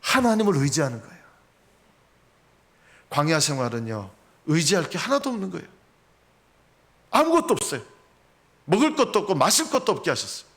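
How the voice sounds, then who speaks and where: A male pastor preaching a sermon in a church sanctuary. His voice sits fairly high and moves in wide, lively swings. He keeps putting rhetorical questions to his listeners. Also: brisk, pauses often. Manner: asks the congregation rhetorical questions; animated preaching, acts out quotes.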